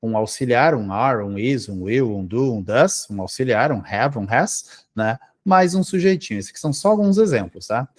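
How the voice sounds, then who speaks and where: A man's voice: mid-range voice, lively intonation, normal speed, few pauses. A man teaching English grammar to Brazilian students, explaining step by step and checking in with the class after almost every phrase. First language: Portuguese. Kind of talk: grammar lesson for exam prep.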